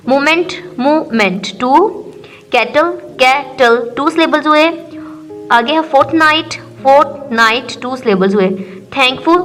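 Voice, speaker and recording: Woman, English lesson, reads slowly then explains in Urdu, high-pitched. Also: a bit bright, poor audio. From Pakistan. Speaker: English teacher.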